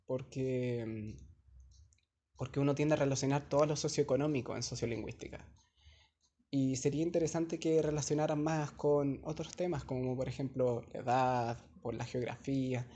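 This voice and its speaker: A man's voice: on the high side, steady tone, normal speed, mellow, highs cut off. A young man with a Chilean accent, a teaching assistant explaining an assignment in a chatty, digressive classroom talk full of casual slang, recorded on a phone in a classroom. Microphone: phone held by a student.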